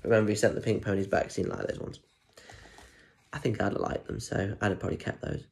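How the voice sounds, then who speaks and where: A young British man reading stories for primary school kids talks fast in a lowish, creaky voice with a darkish tone. He reads a children's picture book expressively and adds chatty asides to listeners. The recording, made in a small indoor room at home, uses a phone or tablet held at arm's length.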